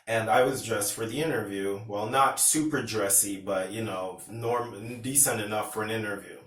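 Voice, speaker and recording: This Pennsylvania vlogger has a fairly low, fairly bright voice and talks at a normal speed. He tells a personal story to camera in a loose, rambling way, with restarts and recounted dialogue, and the audio is roomy and far from the mic.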